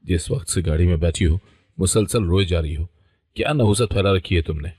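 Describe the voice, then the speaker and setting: A man's voice: deep voice, a little fast, mellow, slightly rough. A man voicing a harsh, angry young groom who scolds his new bride in a story. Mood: snarling. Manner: snarling, scolding.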